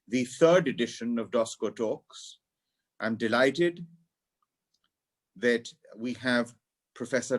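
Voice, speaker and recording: A man giving a formal, courteous welcome as the host of an online talk. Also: medium pitch. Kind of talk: formal webinar welcome address.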